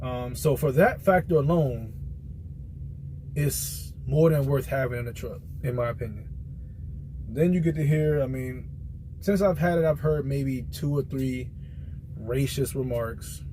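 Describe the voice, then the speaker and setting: An American man who drives trucks gives his take on a product while telling stories from his own experience in an informal, rambling vlog. The recording is low quality with slight background noise, and his medium-pitched voice is dark in tone and measured in pace.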